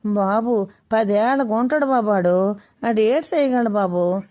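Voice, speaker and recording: A woman's voice: on the high side, measured pace, warm tone, dull audio, pitched above the performer's own voice, close to an everyday voice. Storybook figure: woman doing a poor widowed mother, pleading and sorrowful. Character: poor grieving village mother, pleading, fearful.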